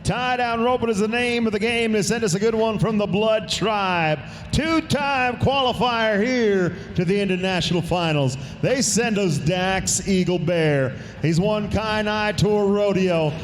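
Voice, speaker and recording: A man calling tie-down roping runs live at a rodeo, quick and upbeat, and joking with a co-announcer between runs. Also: high voice, a little hiss or hum. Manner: quick, upbeat calls with easy laughter. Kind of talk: live rodeo commentary and banter.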